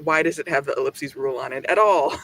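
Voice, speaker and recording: A man co-hosts a tech podcast and thinks aloud in an analytical way. His voice sits fairly high for a man. He pauses often with fillers as he works through his point. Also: sharp tone, a little hiss or hum. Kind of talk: casual tech discussion.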